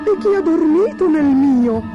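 A woman's voice: high voice, lively intonation, unhurried, lo-fi sound, loud music behind the voice, voice pushed up. A woman voicing an indignant mother bear in a storybook reading. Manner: indignant, exclaiming.

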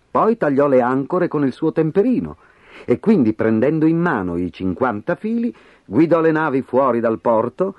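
A man reading a storybook aloud in an expressive, animated way. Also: mid-range voice, dry recording. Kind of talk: scripted storybook narration. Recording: slightly dull audio with faint music.

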